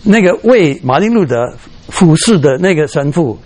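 A middle-aged man preaching a sermon, telling stories in an animated way, scattering English fillers through his speech, his voice leaping up when he acts out strong feelings. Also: normal speed. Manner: animated storytelling, voice jumps high when acting out emotion.

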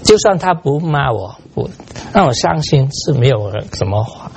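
An older male pastor preaching with a gravelly, creaky voice at a middling pitch. He tells his stories with animation, drops in English words and chuckles at his own misfortunes. A faint hiss sits under the recording. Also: moderate pace. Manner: animated storytelling, mixing in English words, laughing at himself. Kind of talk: sermon with personal stories.

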